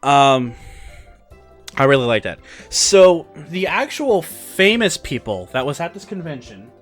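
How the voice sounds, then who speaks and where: Excitable young man telling a story. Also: a little high, unhurried, soft background music. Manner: excitable, rambling, many fillers. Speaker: vlogger. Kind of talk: casual storytelling.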